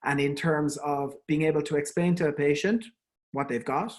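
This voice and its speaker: A man's voice: on the high side, fairly even intonation, normal speed, a little mellow. Irish male dental specialist, chatty lecture delivery, tenor-leaning voice, lots of ums. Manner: conversational, frequent ums and restarts. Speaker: endodontist giving an online talk. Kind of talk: informal webinar lecture.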